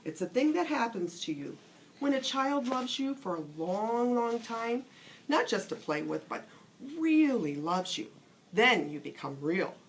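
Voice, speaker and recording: A woman voicing a wise, kindly, truthful old toy horse from a bedtime storybook, explaining things gently and patiently. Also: fairly high pitch, big pitch swings, measured pace, slight background noise, pitched above the performer's own voice, low-quality recording. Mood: gentle, wise. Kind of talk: bedtime storybook character reading.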